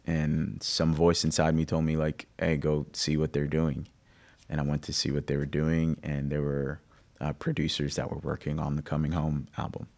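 Really deep guy from greece, monotone, slow thoughtful answers in a studio. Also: vocal fry. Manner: reflective, thoughtful, halting restarts. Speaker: musician guest. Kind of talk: conversational interview. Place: music recording studio, indoors. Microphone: studio condenser mic on stand.

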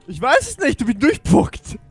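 A man with a German accent in quick gameplay chat with friends, tossing in joking asides. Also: extremely high pitch, wildly swooping pitch, breathy edge, no echo, soft background music.

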